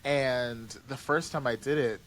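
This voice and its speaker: A man in a casual podcast chat about the audio drama he writes and acts in. He rambles through fillers and restarts, his pitch sitting in an ordinary middle range, and he laughs easily between thoughts. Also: steady tone, a little slow, fairly bright tone, slight background noise.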